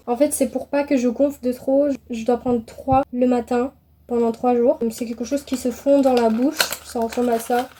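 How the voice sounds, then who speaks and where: A woman's voice: on the high side, warm tone, a little hiss or hum. A young woman talking casually and informally to viewers in a personal vlog. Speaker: vlogger.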